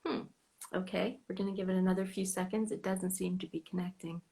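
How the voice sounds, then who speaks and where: This American woman's fairly low, gravelly voice stays level in tone as she briskly hosts a fan club live stream via video call. She chats casually and occasionally drifts into soft whispers.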